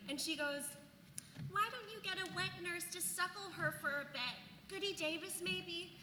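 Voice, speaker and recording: In a staged play reading, a woman plays a chatty, fed-up young colonial mother, gossiping and sarcastic in casual modern speech. Her voice is extremely high-pitched at a normal speed. The hall is echoey, with faint noise.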